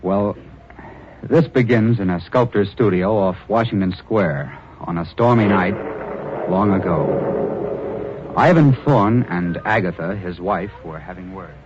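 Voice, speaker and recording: An actor playing a newspaper reporter narrating an old radio drama, earnest and slightly halting. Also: male voice, deep voice, background noise. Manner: earnest storyteller, hesitant repeats. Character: newspaper reporter narrating his story, adult man. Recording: dull old radio recording with music.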